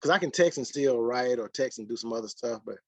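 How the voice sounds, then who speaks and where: A man's voice: medium pitch, fast. A man with a Mississippi accent and a country drawl, chatting casually as a guest. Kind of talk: casual chat. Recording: muffled, dry lo-fi sound.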